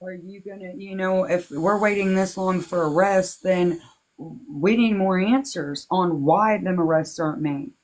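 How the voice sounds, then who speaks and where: A woman speaking as an interview guest, recalling personal matters in a halting, heartfelt, casual way. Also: lowish voice, a little mellow, rough recording. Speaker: interview guest, victim's relative.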